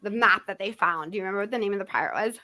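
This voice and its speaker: A woman hosting a casual trivia game over a video call, lively, laughing often and singing snippets of song lyrics. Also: mid-range voice, very fast. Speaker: quiz host.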